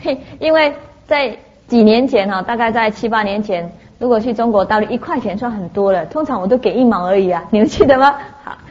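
A woman's voice: a little high, a little fast, highs cut off. A woman giving a Buddhist sermon, telling stories with lots of "ah" fillers. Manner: lively anecdotal telling, frequent "ah" fillers. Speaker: Buddhist teacher.

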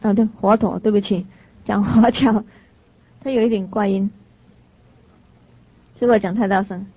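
A woman teaching a sermon through lively stories, often laughing and correcting herself. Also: mid-range voice, a little slow, slightly rough. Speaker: dharma teacher. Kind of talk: storytelling sermon to an audience. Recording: dry, slightly dull lo-fi sound.

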